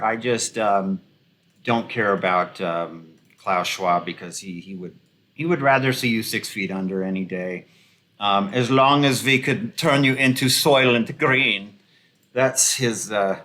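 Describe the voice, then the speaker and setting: A man's voice: fairly low pitch, a bit bright. A man giving casual, rambling commentary full of ums and restarts, with a sarcastic, mocking edge. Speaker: video commentator.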